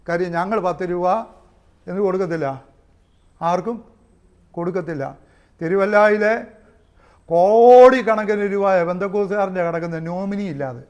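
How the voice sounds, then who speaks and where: A man preaching a fiery sermon, swinging loud shouts to low asides with praise exclamations. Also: normal speed, pauses often. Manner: swings between shouting and near-muttered asides, with tongues and exclamations. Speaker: pastor. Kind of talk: Pentecostal sermon.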